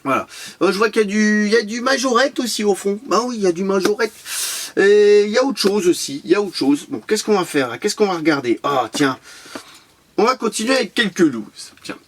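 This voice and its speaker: A man's voice: high voice, animated, a little fast, slight background noise. A man from France chatting casually in a vlog as he shows off his toy-car purchases, rambling and repeating himself. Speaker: collector presenting his purchases.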